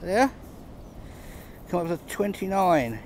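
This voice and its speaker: A man's voice: high-pitched, very animated, measured pace, slight background noise. A man giving casual running commentary while metal detecting on a pebble beach, chatty and understated, chuckling between finds, recorded on a handheld camera outdoors. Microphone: camera held close, filming his hands.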